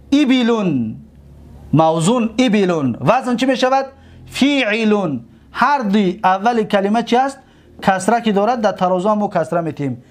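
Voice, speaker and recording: A man with a Tajik accent leads a grammar lesson, asking his students questions and answering them himself. His voice sits high and swings widely up and down, and he slows right down to stretch out the words he drills. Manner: drawn-out slow repetitions of words, questions to students. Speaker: religious school teacher.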